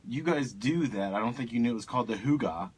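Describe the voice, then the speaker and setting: A man's voice: mid-range voice, lively intonation, a little fast, a little hiss or hum. A man hosting a garden radio show who asks his guest chatty questions in a casual way.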